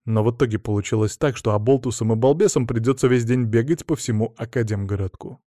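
Mellow-voiced man narrating an audiobook. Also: medium pitch, fast, no echo, clean studio sound. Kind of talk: first-person scripted narration.

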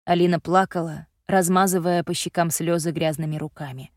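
A woman reading a story aloud as narrator in a measured, even storytelling manner. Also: lowish voice, no echo, studio quality. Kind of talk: scripted audiobook narration.

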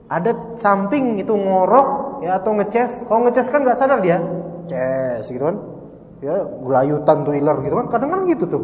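A man giving a relaxed religious lecture, joking and slipping into street slang and little acted-out dialogues. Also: sits high, slight background noise. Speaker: Islamic teacher. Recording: dull roomy hall recording with faint ambience.

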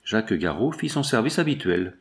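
A man narrating a classic novel as a scripted audiobook, in a measured, expressive storytelling manner. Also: fairly low pitch.

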